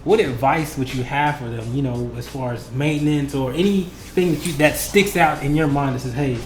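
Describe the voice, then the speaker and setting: A man with a medium-pitched voice hosts a casual interview at a moderate pace, sounding slangy, conversational and buddy-like. The room has a roomy echo, and music plays behind him.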